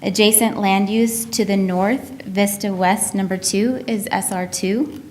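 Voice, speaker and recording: Female staff presenter, medium pitch, very even intonation, formal report reading, faint noise. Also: a little slow. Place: public meeting room.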